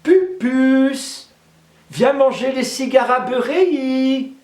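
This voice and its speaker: A male storyteller voicing a grieving female flea who wails her lament in a shrill, high voice. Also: extremely slow, heavily acted. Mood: calling out. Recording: roomy echo, mic far off.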